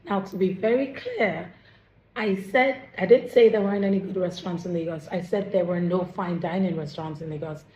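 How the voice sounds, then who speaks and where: Woman chef, hoarse voice, casual explainer, roomy recording. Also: on the low side, warm tone, lo-fi sound, slight background noise. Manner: candid, listing examples quickly. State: hoarse, lost voice. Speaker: chef and restaurant owner. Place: restaurant during dinner service.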